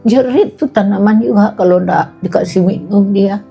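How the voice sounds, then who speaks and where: A woman's voice: medium pitch, moderate pace, vocal fry, slightly rough, dull audio, soft background music. A woman giving a casual religious talk in a homely way, driving points home with repeated little fillers. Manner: homely, colloquial, repeating points with "nah" and "tuh". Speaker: religious study speaker.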